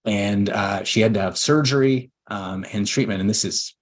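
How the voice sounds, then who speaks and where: In a webinar, an estate planning attorney in his forties shares a personal story. His voice sits lower than most, and he speaks earnestly and from the heart, with fillers, pauses and restarts, growing emotional at times.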